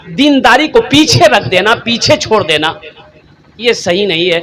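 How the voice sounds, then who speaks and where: Man, religious preacher, very high voice, emphatic repetition. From Kolkata, India. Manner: rhetorical questions, emphatic repetition, sometimes shouts. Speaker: Islamic preacher. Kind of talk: fiery religious sermon at a gathering.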